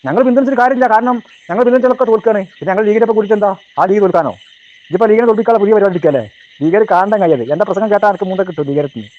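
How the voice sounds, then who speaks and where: A man giving a heated rebuttal talk, combative and taunting, firing off rhetorical questions. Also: high voice. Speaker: religious speaker answering a rival. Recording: dull lo-fi recording.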